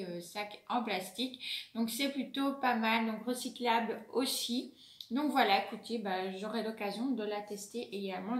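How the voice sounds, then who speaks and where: A French woman with a fairly high voice chats through a beauty product review, stopping often to hesitate and correct herself. The sound carries a noticeable room echo. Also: fairly bright tone. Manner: hesitant, many fillers and self-corrections. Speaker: beauty vlogger. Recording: echoey room.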